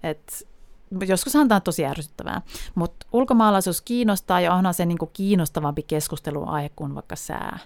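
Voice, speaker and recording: A woman's voice: fairly low pitch, vocal fry, dry recording. A woman from Finland hosting a podcast, telling wry, chatty stories in a casual monologue with frequent laughs. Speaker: podcast host.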